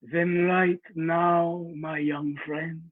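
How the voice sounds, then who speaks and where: An actor playing a courtly, menacing ancient vampire count in a radio play, speaking formally and ominously. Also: male voice, on the high side, little pitch movement, drawn-out words, no echo, phone-quality sound. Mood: commanding.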